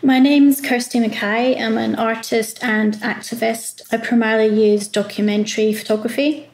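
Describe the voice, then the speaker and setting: Gravelly, direct Scottish woman. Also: on the high side, fairly even intonation, normal speed, a little mellow, low-quality recording. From Glasgow, Scotland. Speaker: photographer guest. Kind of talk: interview answers.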